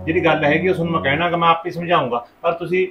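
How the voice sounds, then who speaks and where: A man's voice: fairly high pitch, steady tone, rapid-fire, lo-fi sound, music in the background, lightly acted. A man playing an apologetic father-in-law. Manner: pleading, apologetic, repeats himself. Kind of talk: village family drama acting.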